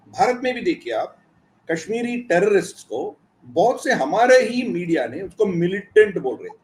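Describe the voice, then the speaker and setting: A man with a notably high voice talks through his views as an interview guest. He pauses often, fills gaps with hesitant sounds, and builds his points slowly. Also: sing-song, darkish tone. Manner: hesitant, many filler sounds, explanatory. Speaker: guest commentator. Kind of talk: interview answer.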